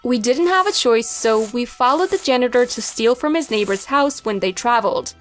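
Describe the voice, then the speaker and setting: A young woman narrating an animated story in a lively, scripted storytelling manner. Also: on the high side, normal speed, faint music behind.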